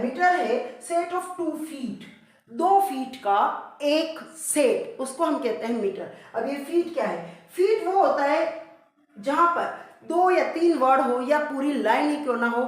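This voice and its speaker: A high-pitched Indian woman teaches English for competitive exams. She poses a question, answers it herself and keeps repeating the key terms. Her voice rings around a very echoey room. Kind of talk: exam-prep lesson in Hindi mixed with English.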